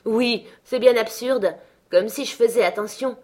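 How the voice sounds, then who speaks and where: A woman reading aloud, voicing a headstrong, imperious young woman who is sharp and scornful. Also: medium pitch, lightly acted. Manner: sharp, scornful, quick to anger.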